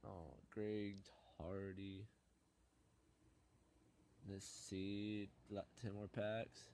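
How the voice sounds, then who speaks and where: A man's voice: on the low side, flat delivery, very slow, darkish tone, a little hiss or hum. A young man hosting a gaming channel, opening card packs in casual commentary and muttering dejected complaints about his pulls.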